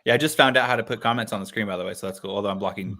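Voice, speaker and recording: A man's voice: lowish voice, very fast, pushed and bright. A man hosting a casual online book club livestream in a laid-back, slangy way. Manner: laid-back, says "dude" and "like" a lot. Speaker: livestream host.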